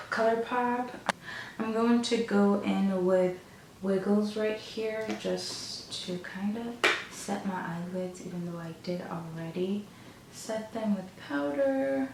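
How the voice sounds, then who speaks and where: A young woman chatting casually in a monotone, low-key way, like a get-ready-with-me beauty vlogger. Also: gravelly, far from the mic. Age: young adult. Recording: echoey room, off mic, faint noise.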